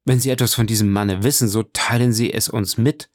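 A man's voice: lowish voice, steady tone, a little fast, no echo, clean studio sound, close to an everyday voice. A man voicing an urgent young man.

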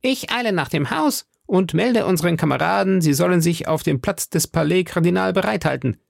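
A hearty, boastful musketeer in a storybook reading, as a man puts him on. He sounds brash and pushes his voice well above the reader's own. A gravelly grain runs through it. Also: high voice, expressive, a little fast, no echo, studio quality, voice pushed up, exaggerated voice.

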